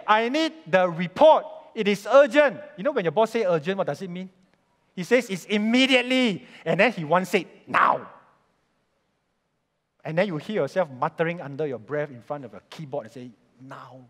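A male pastor with a Singaporean English accent delivers a storytelling sermon, his high voice swinging widely in pitch. He slips into quoted voices of bosses and workers. The sound carries the long echo of a large church hall.

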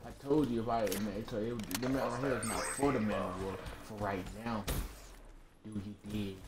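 A young man giving excitable, joking commentary on his own gameplay, yelping and shouting at the screen. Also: on the low side, normal speed, noisy background. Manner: excitable, yelps and jokes at the screen. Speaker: gaming video creator. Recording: echoey room with loud gunfire.

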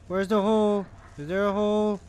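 A man playing a horror game in casual let's-play commentary, jumpy and excitable, laughing and swearing, with his voice going hoarse. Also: sits high, normal speed.

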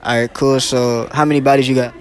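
A teenage boy filming a casual vlog at school, asking classmates quick questions in loud slangy banter. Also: mid-range voice, little pitch movement. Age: teens. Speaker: student vlogger. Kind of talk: casual street interviews. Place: school hallways and outdoors. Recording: loud crowd chatter.

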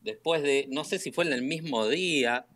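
Over voice chat with a streamer, a gamer with a Rioplatense Spanish accent rambles casually about a game, tossing in "¿me entendés?" again and again. His voice sits a little high and moves at normal speed, with a crowd audible behind him.

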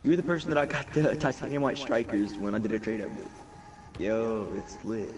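Here a young man streams a game and reads out his chat in an excited, slangy, casual way, his voice fairly low, steady and a bit fast. Background noise is present, with loud game music drowning a distant microphone.

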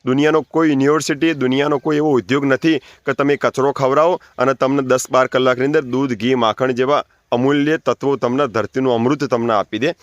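A man's voice: mid-range voice, fairly even intonation, a little fast, no room sound, muffled recording. A man giving an earnest, preachy spoken appeal to keep cows, repeating his points and urging listeners. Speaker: natural farming advocate.

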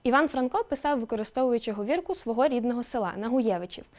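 A woman presenter reads a scripted explainer with a slightly raised pitch. She keeps it lively and throws in emphatic rising questions. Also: fast. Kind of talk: scripted educational narration.

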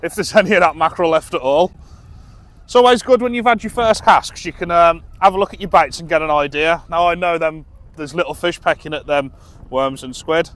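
A middle-aged British man with a slightly high, fairly quick and somewhat bright voice chats away to himself while night fishing off a seaside dock. He's an angler vlogger, amused by his own running commentary, picked up outdoors by a camera on a tripod some distance away.

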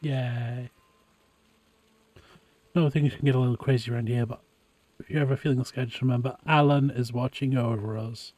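A man's voice: mid-range voice, steady tone, moderate pace, pauses often, darkish tone, no echo. A man streaming a game, giving casual live commentary to his viewers.

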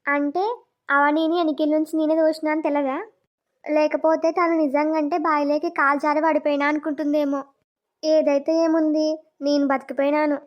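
A sly young sister-in-law in a village cartoon who mutters her plots aloud, as a woman voices her. Her voice sits very high, and the audio sounds dull and lo-fi. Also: flat delivery, normal speed, close to an everyday voice. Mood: plotting. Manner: muttering to herself, plotting.

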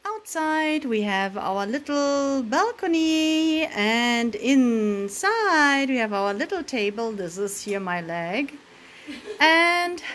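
A woman's voice: a little high, a bit bright, a little hiss or hum. A woman filming a cheerful, chatty travel vlog around a resort, often laughing as she shows things to the camera. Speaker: vlogger. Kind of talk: casual vlog narration. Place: resort room and grounds.

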